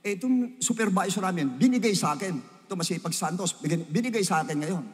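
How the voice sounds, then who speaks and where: An older male pastor preaching a Father's Day sermon with a fairly high voice. He tells his story in bursts, rising to loud emphatic peaks and dropping to low, hushed asides. The sound carries the long reverb of a church hall. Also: expressive, quick pace.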